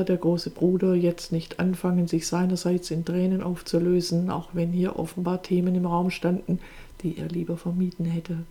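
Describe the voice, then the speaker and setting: A woman reading a novel aloud in a measured, expressive narration. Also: lowish voice. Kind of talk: audiobook narration.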